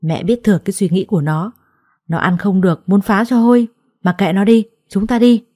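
A woman's voice: medium pitch, brisk, dark tone, dry recording, clean studio sound, natural voice. A woman voicing a harsh, spiteful older adoptive mother who scolds with scorn in a storybook reading. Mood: cruel.

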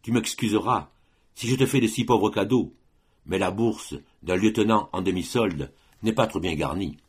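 A man reading a calm, teasing young officer. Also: lowish voice, moderate pace, breathy edge. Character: young man, officer, patient elder brother.

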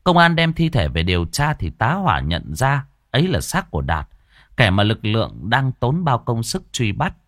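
A man's voice: medium pitch, huge pitch swings, normal speed, fairly bright tone, dry recording, studio quality. Dramatic male horror storyteller. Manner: dramatic, ominous.

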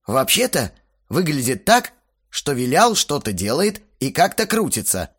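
A man voicing a quiet, cautious young male newcomer in a band who speaks carefully. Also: fairly high pitch, big pitch swings, measured pace, slightly rough, pitched above the performer's own voice, heavily acted.

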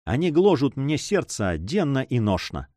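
A man's voice: mid-range voice, very animated, moderate pace, warm tone, no echo, studio quality. A man reading the part of a proud, vengeful young captain, speaking in vehement, impassioned outbursts. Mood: anguished pleading.

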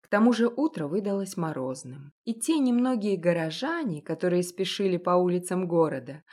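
Calm low-voiced woman narrating. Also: normal speed. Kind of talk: audiobook narration.

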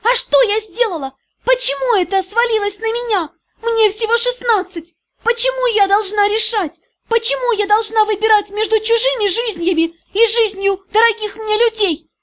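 Woman voicing a shrill hysterical teenage girl. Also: normal speed. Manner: shrill, screaming, shaky. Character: desperate proud sixteen-year-old girl, hysterical. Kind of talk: audiobook reading.

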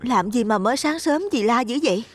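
An actress playing a calm, caring young daughter-in-law. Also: female voice, a little high, brisk, big-room sound, faint music behind. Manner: soothing, patient.

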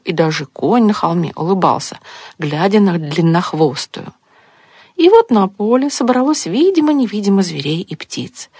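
Husky woman reading a fairy tale. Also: on the low side, no echo. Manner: expressive storybook reading with moralizing close. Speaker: storyteller.

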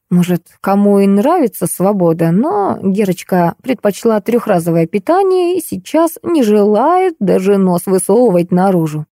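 Mellow-voiced woman narrating an audiobook. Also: medium pitch, no room sound, studio quality. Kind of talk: first-person audiobook narration.

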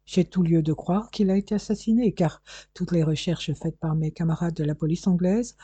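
A reader doing a calm, wary English detective. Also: medium pitch, slightly rough, no echo, lightly acted. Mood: earnest. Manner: calm, measured. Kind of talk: audiobook dialogue.

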